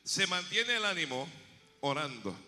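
A man pastor preaching a sermon, rising to shouts and dropping to quiet asides. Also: high voice, sing-song, measured pace, big-room sound.

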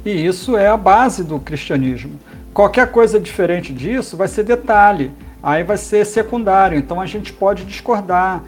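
A man, a pastor, calmly explaining theology in a podcast conversation, pausing often with fillers. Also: high-pitched, faint music behind. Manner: explanatory, measured, with many fillers.

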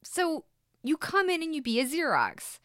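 Woman co-host with a lively, swooping voice, jokey and playful, dry sound. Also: high-pitched, normal speed, no echo. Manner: jokey, laughs often, playful asides. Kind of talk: casual chat recapping a film.

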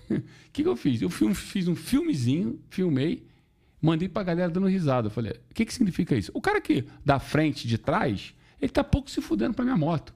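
A man's voice: sits high, moderate pace, gravelly, slightly rough. A man telling stories in a casual podcast chat, full of slang and swearing, acting out quoted voices. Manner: animated storytelling with slang and swearing.

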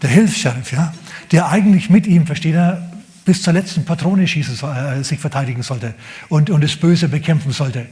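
A male pastor preaches with a slightly raised, lively voice. He retells a story with animated emphasis, stumbles into repeated words and sinks to a hush for effect. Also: a little high, normal speed. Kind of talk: sermon.

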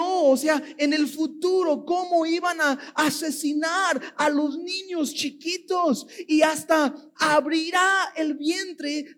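A preacher giving an emphatic sermon, breaking into shouted stresses and filling pauses with "o sea". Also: sits high.

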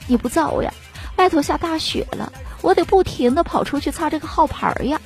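A woman's voice: high-pitched, sing-song, normal speed, faint music behind, voice pushed up. A woman voicing a sheepish husband making excuses to his wife, in a joke. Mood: aggrieved.

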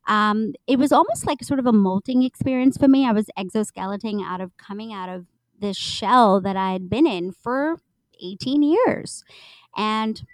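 A woman's voice: mid-range voice, normal speed, no room sound, low-quality recording. Woman, from India, middle-aged, reflective storyteller, casual chat, dry sound.

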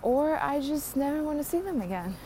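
A woman's voice: high-pitched, big pitch swings, brisk, mellow, slight background noise. A young adult woman hosting a podcast, rambling through a casual solo rant, mocking herself and laughing often. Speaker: podcast host.

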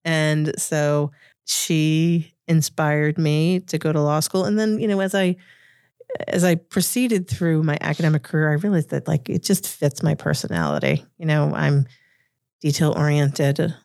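A woman from Massachusetts with a Boston accent speaks as an interview guest, giving considered answers. Her voice has a noticeable gravelly fry, and the sound is dry and close, without room echo. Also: low voice, measured pace, a little mellow. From Revere, Massachusetts, United States. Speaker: interview guest, corporate lawyer.

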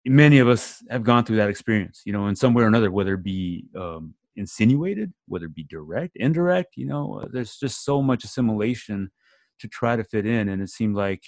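Earnest man in reflective talk, low voice. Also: lively intonation, brisk, a little mellow, no echo, studio quality. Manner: earnest, reflective, often restarts phrases. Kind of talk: casual conversation.

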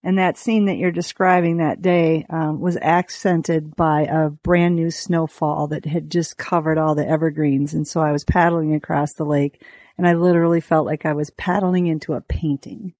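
A woman with a fairly low voice talks casually as a podcast guest. She is an outdoorswoman from the Green Bay area, and the sound is very dry. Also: fairly even intonation, normal speed, darkish tone, dry recording. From Green Bay area, United States. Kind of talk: casual interview chat. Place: small lakeside cabin, indoors.

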